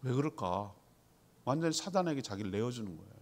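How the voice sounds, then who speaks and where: A man's voice: mid-range voice, animated, quick pace, a little mellow. A man preaching a sermon in a conversational way, asking the congregation questions and answering them himself. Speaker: pastor.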